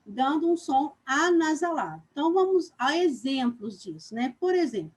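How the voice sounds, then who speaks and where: A woman with a Brazilian Portuguese accent teaching young children in a live online lesson. She speaks slowly and deliberately, stretches her words, and checks in often with "ok?". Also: high-pitched, very animated, rough recording. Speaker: primary school teacher.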